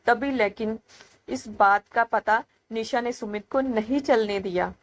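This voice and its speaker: A woman's voice: a little high, unhurried. Woman telling a story with plain restarts. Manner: reads dialogue plainly in her own voice, with small slips and restarts. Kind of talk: casual storytelling narration.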